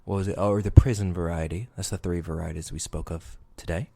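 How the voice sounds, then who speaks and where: A man's voice: low voice, fairly even intonation, fairly quick, creaky, mellow. A man co-hosting a podcast at home, chatting casually and playfully with his wife into a desk microphone. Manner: joking, playful. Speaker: podcast co-host. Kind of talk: casual chat. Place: home room with lights off.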